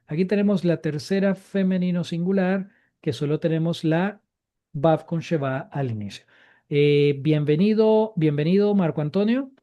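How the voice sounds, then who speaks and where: A man's voice: a little high, moderate pace, mellow. A man teaching a live Biblical Hebrew grammar class, explaining patiently and repeating each key point.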